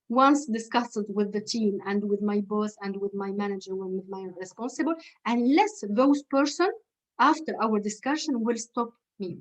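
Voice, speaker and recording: A woman's voice: a little high, poor audio. A woman leadership coach giving a lecture, explaining step by step and repeating her key questions for emphasis. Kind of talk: webinar lecture.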